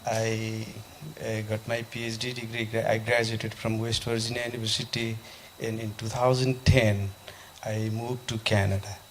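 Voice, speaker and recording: A man from Nepal in an audience, asking a panel a question at a conference, halting and repeating himself. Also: lowish voice, level tone, a little hiss or hum. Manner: halting, repeats his question, frequent restarts. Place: conference hall.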